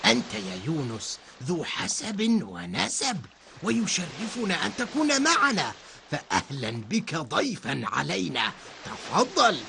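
A man voicing ancient townsmen in a cartoon, talking emphatically and with lively delivery. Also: a little high, unhurried, creaky, a little hiss or hum, full character voice. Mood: welcoming. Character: ancient townsman, mocking then terrified.

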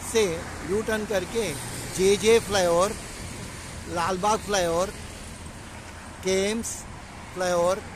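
Male driving instructor, high voice, roadside phone recording with heavy wind and traffic noise. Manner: lists route stops one by one, blessing in mixed Hindi-English. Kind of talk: roadside student interview. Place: outdoors beside a busy highway. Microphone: phone camera held by the speaker.

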